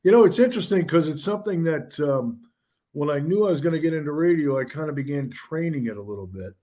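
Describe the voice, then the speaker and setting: A man's voice: a little high, expressive, fast talker, dark tone. A man who works in radio and media, chatting casually in an interview and telling stories with easy, self-deprecating humor.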